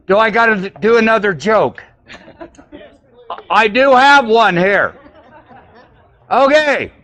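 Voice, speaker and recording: A man's voice: sits high, animated, slow, bright, forceful tone. A man acting as emcee at a live event, making casual announcements in a folksy, joking way.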